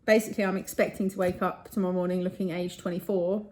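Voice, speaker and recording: A woman's voice: little pitch movement, a little mellow, a little hiss or hum. A woman hosting a casual vlog from her hotel room, chatting and gossiping with frequent laughs. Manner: chatty and gossipy, laughs often, quick pitch jumps. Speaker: vlog host. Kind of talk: casual vlog chat to camera.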